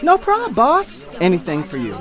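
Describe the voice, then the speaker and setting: A performer playing an easygoing teenage fast-food worker who uses 1970s slang and stays calm but firm. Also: medium pitch, a crowd in the background. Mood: laid-back. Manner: laid-back 1970s slang, calm firm with rowdy customers. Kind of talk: audio drama acting.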